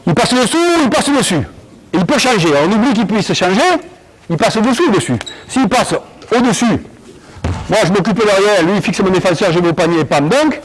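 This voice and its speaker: A male basketball coach running an on-court session, explaining drills and barking quick commands at players. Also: high voice, animated, poor audio.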